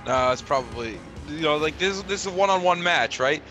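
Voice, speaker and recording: A man's voice: fairly high pitch, lively intonation, brisk, pushed and bright, soft background music. A man co-hosting a podcast, chatting in a wry, loose way. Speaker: podcast co-host. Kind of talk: casual discussion.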